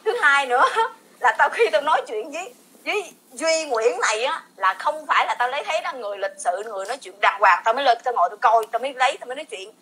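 Fast-talking and sharp in tone, she pitches her voice high and keeps it expressive. She's a Southern Vietnamese woman in her forties, ranting through a heated, repetitive, rambling vlog with bursts of laughter.

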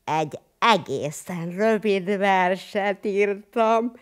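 A woman voicing an earnest fairy-tale creature poet who explains things loudly, slowly and deadpan in a children's audiobook. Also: medium pitch, smooth, close to an everyday voice.

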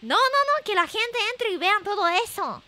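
A Japanese woman livestreamer with a very high, anime-like voice chats casually and playfully with viewers, often exclaiming and repeating herself. Her delivery is sing-song, pushed and bright, at a moderate pace.

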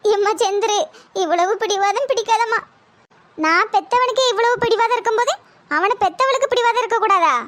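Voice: extremely high pitch, a little fast, fairly bright tone. A voice actor playing an old village grandmother, who laments in a sing-song crying way. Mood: wailing. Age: older. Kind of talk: cartoon voice acting.

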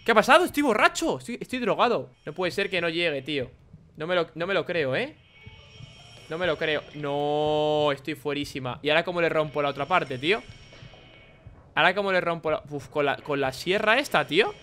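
A young man with a Spain Spanish accent, giving excitable, chatty gameplay commentary and laughing often. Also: fairly high pitch, moderate pace, faint music behind. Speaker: gaming YouTuber.

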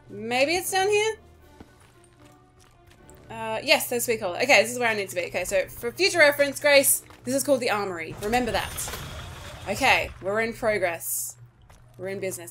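A woman's voice: on the high side, fairly bright tone. Nervous, swearing woman gaming streamer. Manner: nervous, swearing, pleading with the game. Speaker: gaming YouTuber. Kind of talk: casual gameplay commentary.

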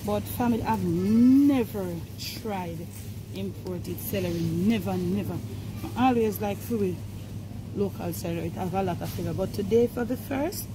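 A woman's voice: mid-range voice, moderate pace, background noise. A woman with a Jamaican accent, chatting and thinking aloud as she shops, slipping into patois, filmed on a handheld phone in a supermarket. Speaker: vlogger. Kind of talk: casual chat while shopping. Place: supermarket aisle. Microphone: handheld phone camera.

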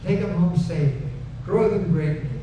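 An older man, a pastor, preaches from a pulpit in a high, animated voice at normal speed, folksy and conversational, repeating phrases for emphasis before leading a prayer. He wears a headset mic on a wood-paneled church stage indoors. The noisy recording sounds echoey, distant and dull.

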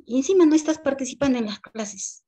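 A woman's voice: medium pitch, measured pace, darkish tone, natural voice. A woman with a Peruvian accent playing a harsh, scornful female schoolteacher who scolds in a raised voice. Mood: scolding. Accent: Peruvian Spanish.

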